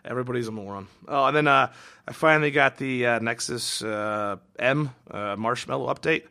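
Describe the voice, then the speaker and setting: Fast-talking ranting man on a podcast. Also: mid-range voice, sharp tone, clean tone. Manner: profane, ranting, exasperated. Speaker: podcast co-host. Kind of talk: casual podcast chat.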